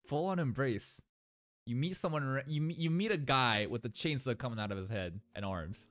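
A young man hosting an anime reaction video, talking casually with slang and swinging between loud outbursts and low muttered asides into a studio mic. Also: normal speed. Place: small bright indoor room. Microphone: large studio mic on a boom arm.

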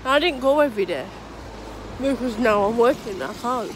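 Her fairly high voice has lively intonation and a moderate pace, though a cold leaves it thick and clogged, with a sore throat and runny nose. The young vlogger rambles hesitantly through an update, restarting often and using fillers, while walking dogs on a street. She's recorded outdoors on a phone held low at arm's length, with traffic noise around her.

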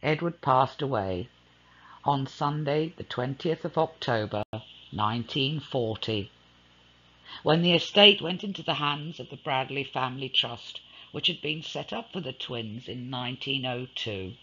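A man reading a ghost story aloud in a slow, dramatic storytelling manner. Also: medium pitch, expressive, bright, forceful tone, slightly rough, lo-fi sound. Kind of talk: scripted ghost-story narration.

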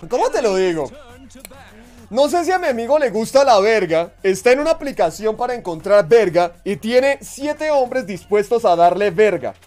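Brash high-voiced Colombian streamer guy. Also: animated, normal speed. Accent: Colombian Spanish. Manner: brash and profane, swinging between mumbled asides and yelled outbursts. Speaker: Twitch streamer. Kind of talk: live gaming stream commentary.

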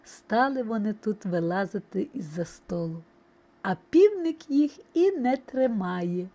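A woman narrating an audio fairy tale for children in an expressive storytelling manner. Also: medium pitch, unhurried.

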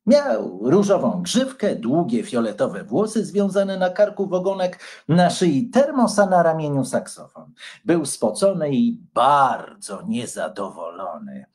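A man reading a bedtime story aloud, his voice swooping up and down with great expression. He takes his time and lingers over each phrase. The pitch sits slightly above the usual range for a man. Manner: animated and unhurried. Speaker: reader of a children's story.

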